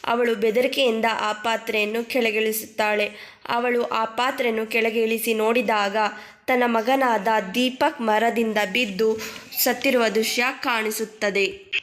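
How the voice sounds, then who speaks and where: Woman, cartoon horror narration, steady storytelling, slightly high voice. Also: a little slow.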